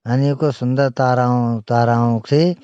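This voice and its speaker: A man's voice: mid-range voice, fairly even intonation, a little slow, dark tone, clear, resonant tone, no room sound, muffled recording. A man teaching a lesson, reciting each verse and then explaining it line by line.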